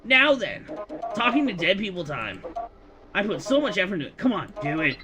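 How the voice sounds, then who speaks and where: A man voicing a gleeful, scheming male demon who talks through a phone, showy and excitable in a sing-song way. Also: high voice, fairly quick, pitched above the performer's own voice. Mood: eager. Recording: music playing behind voice.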